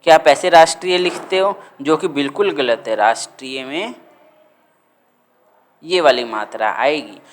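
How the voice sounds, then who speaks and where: A man teaching a grammar lesson, dictating words slowly and repeating them for students to write down. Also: a little high, a little hiss or hum.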